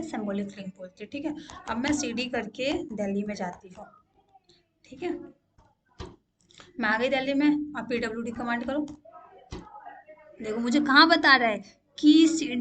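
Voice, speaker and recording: High-voiced woman teaching a tech tutorial. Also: fairly bright tone. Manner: repeats "ठीक है" to check in, asks questions aloud. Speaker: instructor. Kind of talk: screen-share coding tutorial.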